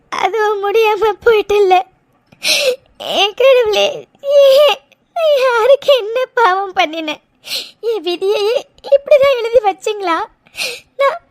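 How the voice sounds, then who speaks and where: A woman voicing a tearful young wife, very high. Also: a little mellow, no room sound. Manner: sobbing, pleading. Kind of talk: cartoon serial voice acting.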